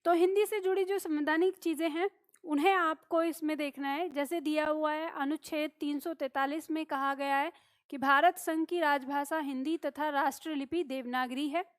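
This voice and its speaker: Female teacher, high dry voice, patient explanatory lecture delivery. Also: steady tone, moderate pace, dry recording. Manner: explanatory, repeats key points with "ठीक है?". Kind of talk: classroom lecture.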